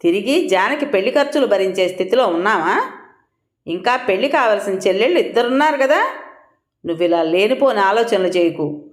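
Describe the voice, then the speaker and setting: Woman doing angry scolding family man, lively swinging voice, roomy echo. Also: mid-range voice, brisk, close to an everyday voice. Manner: scolding, shouting.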